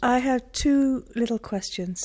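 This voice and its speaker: A woman from Scotland interviewing a poet, asking questions in an admiring, gently enthusiastic way. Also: fairly high pitch, unhurried.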